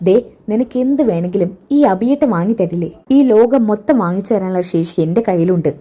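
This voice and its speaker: A woman's voice: medium pitch, fast talker, dark tone, close to an everyday voice. A woman voicing a rich womanizer who coaxes and sweet-talks his girlfriend. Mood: coaxing. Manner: coaxing, sweet-talking. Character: man, smarmy rich womanizer.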